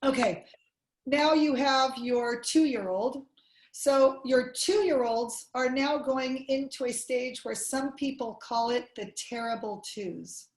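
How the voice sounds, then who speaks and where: A woman's voice: high voice, takes it slowly. A woman presenting an online workshop on child development, explaining step by step and sometimes acting out playful demonstrations over a video call. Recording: roomy echo.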